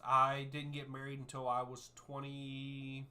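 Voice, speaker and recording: Male streamer in his thirties, bright and punchy tone, casual back-and-forth with live chat. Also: medium pitch, completely flat delivery, unhurried. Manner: easygoing, reads out chat names and answers at length. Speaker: streamer hosting a soccer watchalong. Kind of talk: live-stream chat, answering viewer questions.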